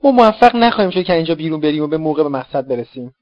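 A man's voice: on the low side, animated, darkish tone, dry recording. A man voicing a loyal, modest young male convict who speaks earnestly with a raised voice. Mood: gloomy. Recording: dull lo-fi dry recording.

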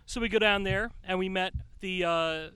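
High, bright-voiced American man, casual storyteller. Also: moderate pace, smooth, no room sound. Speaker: podcast guest, wrestler and manager. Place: outdoors in a shaded backyard.

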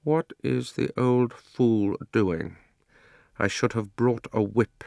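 Man voicing an imperious, slow, menacing witch queen. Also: mid-range voice, creaky, warm tone, no room sound, studio quality. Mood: impatient scorn. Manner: slow, menacing, commanding delivery. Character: imperious, cold witch queen, threatening and impatient.

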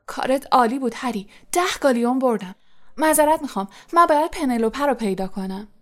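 A woman's voice: sits high, animated, a bit bright, pitched above the performer's own voice. Woman doing a cheerful, fussy teenage prefect. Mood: pleased.

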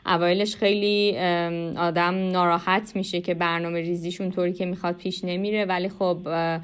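A young woman with an Iranian Persian accent talks as an interview guest. Her voice is clean and smooth, sitting a little low for a woman. She answers conversationally and reflectively, hesitating and stretching her pauses. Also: level tone. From Iran. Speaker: interview guest, animation artist.

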